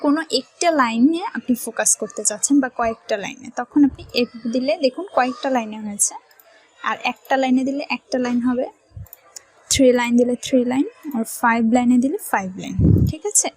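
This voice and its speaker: A woman with a Bangladeshi Bengali accent teaches a screen-recorded software tutorial, explaining each step and often checking that the viewer is keeping up. Her voice is fairly high, husky, a little mellow, and a touch fast, captured in a rough recording with no echo.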